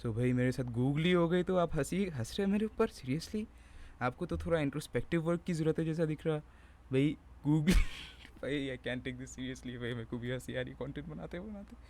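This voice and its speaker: A man's voice: on the high side, moderate pace, a little mellow. A young man, chatting casually to camera at home in a rambling, self-mocking, slangy way. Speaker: vlogger. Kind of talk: casual joking chat to camera.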